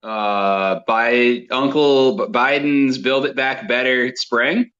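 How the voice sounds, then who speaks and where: A man's voice: medium pitch, steady tone, slow pace, a bit bright. A man co-hosting a podcast while talking over the phone, bantering in a playful, mock-serious way. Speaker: podcast co-host. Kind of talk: casual comedic banter. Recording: muffled lo-fi phone audio.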